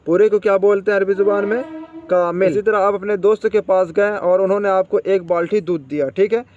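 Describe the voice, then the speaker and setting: A man's voice: high-pitched, fairly even intonation, a little fast, a little mellow, highs cut off. A man teaching spoken Arabic vocabulary, repeating each word and quizzing the listener.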